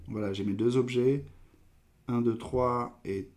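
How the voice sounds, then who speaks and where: Homme, animateur de live coding, pense à voix haute, hésitant, voix moyenne, frappe au clavier en fond. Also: male voice, mid-range voice, steady tone, slow, darkish tone. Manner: thinking aloud, hesitant, trailing off.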